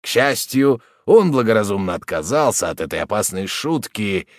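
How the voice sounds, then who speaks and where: A man's voice: on the low side, very animated, normal speed, no echo. A scheming tamer needles his friend with a devilish, mocking lilt. A man voices him while reading the story aloud. The voice rises and falls a lot, recorded close and dry. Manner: sly, teasing.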